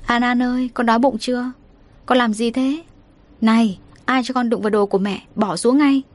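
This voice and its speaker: A woman's voice: a little high, level tone, moderate pace, natural voice. Woman reader voicing a stern, flustered mum in a storybook. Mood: scolding. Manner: sharp scolding, then soothing. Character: stern anxious middle-aged mother.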